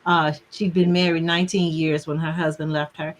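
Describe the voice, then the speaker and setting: A middle-aged woman counselor chatting casually and telling lively stories, often laughing and mimicking the people she quotes. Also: low-pitched, normal speed. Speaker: relationship counselor guest. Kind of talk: casual conversation.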